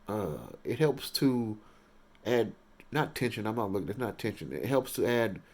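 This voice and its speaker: Guy doing a reaction video, medium voice, talks in loops and restarts, gets worked up at the big bits. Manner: rambling, halting, often restarting sentences; gets excited and higher at big moments. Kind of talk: casual TV reaction commentary.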